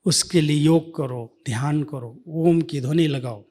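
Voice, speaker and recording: A man giving a devotional talk, telling a spiritual life story in a measured way that sometimes drops to a near-whisper. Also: fairly high pitch, darkish tone. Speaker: spiritual speaker.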